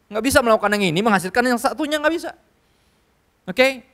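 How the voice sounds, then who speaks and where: High-voiced preacher man. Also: quick pace. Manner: lively, switching into English, joking with the crowd. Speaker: youth pastor. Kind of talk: sermon. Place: church hall with a live audience.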